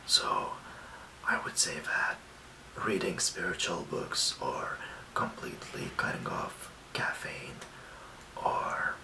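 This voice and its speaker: A young man from Lithuania, giving soft, reassuring self-care tips in a whispered ASMR talk. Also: extremely low pitch, creaky, roomy sound, recorded from a distance, low-quality recording. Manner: soft, slow and gently reassuring. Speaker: ASMR host.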